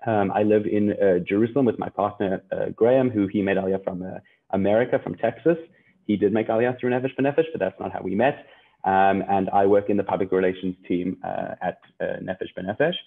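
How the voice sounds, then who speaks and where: A South African man with a lowish voice hosts an online panel, talking a little fast with vocal fry and fairly even intonation. He sounds friendly, his phrasing loose and full of fillers. The line is tinny, like a phone call.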